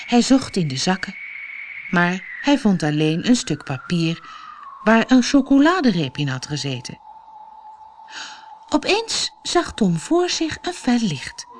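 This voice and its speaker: A woman from the Netherlands reading a children's audiobook aloud with expressive storytelling. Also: medium pitch, slow, pauses often, slight background noise. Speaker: storybook reader.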